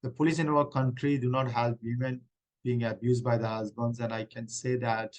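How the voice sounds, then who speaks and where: A man role-plays a middle-aged woman refugee claimant at a simulated hearing, speaking earnestly, haltingly, and with many restarts. He uses a natural, mid-range voice with a level tone, and the recording is rough.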